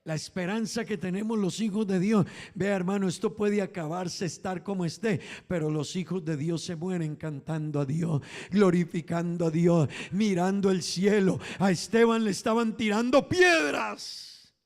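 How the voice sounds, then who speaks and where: High-voiced preacher, hushed then shouting. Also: male voice, fairly even intonation, moderate pace, few pauses. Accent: Caribbean Spanish. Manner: swings from hushed, low talk to loud, shouted preaching; keeps addressing listeners as "hermano". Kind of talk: Pentecostal sermon.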